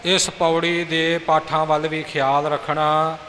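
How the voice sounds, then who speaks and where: A man with a slightly high, bright, forceful voice speaks slowly and with little pitch movement as he patiently teaches correct pronunciation for scripture recitation. He repeats phrases to model them. The recording is hissy, with long reverb.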